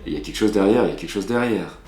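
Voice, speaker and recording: Deep-voiced excitable man opening card packs. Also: rapid-fire. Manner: excitable, exclaiming over cards, chatty asides. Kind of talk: casual unboxing chat to viewers. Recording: roomy room with background music.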